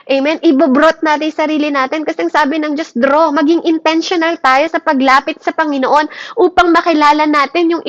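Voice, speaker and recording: A Filipino woman with a high-pitched voice leads a morning Bible devotion, preaching earnestly and fervently with many restarts and asking "Amen?" after almost every point. The audio is slightly dull and muffled, dry, with no room echo.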